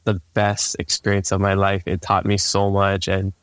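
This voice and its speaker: This podcast guest, a young adult from Hawaii who grew up speaking Hawaiian, has a low, clean-toned voice and speaks at a normal pace with no room sound. Relaxed and unhurried in manner, he recounts his life story and often doubles up words when launching a sentence.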